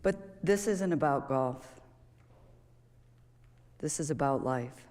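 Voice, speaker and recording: A woman's voice: sits low, slow pace, a little mellow. A woman, a golf coach, giving a motivational stage talk in a conversational, storytelling way, with frequent rhetorical questions. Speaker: public speaker and golf coach. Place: stage in a large auditorium. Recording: long reverb of a large hall.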